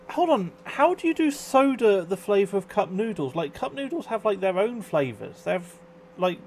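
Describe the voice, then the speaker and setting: A man's voice: high voice, a little mellow, slight background noise. A man chatting casually on a live stream, rambling, swearing freely and reacting to chat comments. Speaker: overclocking livestreamer.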